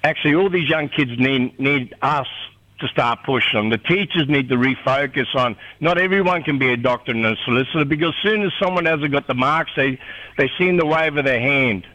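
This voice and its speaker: Bright-voiced rural Australian man, laconic drawl. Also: mid-range voice, a little fast, no room sound. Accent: rural North Queensland Australian. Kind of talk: casual radio chat. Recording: dull, lo-fi radio sound.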